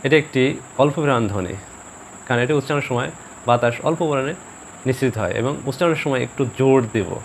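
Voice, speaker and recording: A man teaching pronunciation in a video lesson, speaking slowly and deliberately and repeating each example word for practice. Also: mid-range voice, slight background noise.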